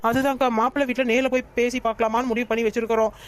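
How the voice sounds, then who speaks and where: A woman voicing a worried young daughter-in-law in a Tamil cartoon, pleading and complaining softly to a friend. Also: fairly high pitch, little pitch movement, very fast, a little hiss or hum, lightly acted. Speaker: storyteller addressing viewers.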